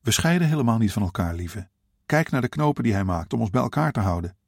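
A man's voice: mid-range voice, expressive, quick pace, gravelly, dry recording, studio quality. A man playing a weary elderly husband who speaks politely to strangers and soothes his wife. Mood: soothing. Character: weary old husband, gentle and courteous.

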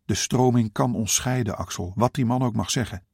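A man voicing a frail elderly wife who softly pleads not to be separated from her husband. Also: mid-range voice, normal speed, vocal fry, husky, no echo, clean studio sound. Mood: anxious. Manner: pleading, soft.

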